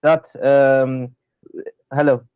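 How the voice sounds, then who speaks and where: A man calling into a debate show, speaking hesitantly with many ums and pauses. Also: medium pitch, little pitch movement, clean tone, no room sound. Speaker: caller. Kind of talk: call-in debate. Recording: dull phone-line caller.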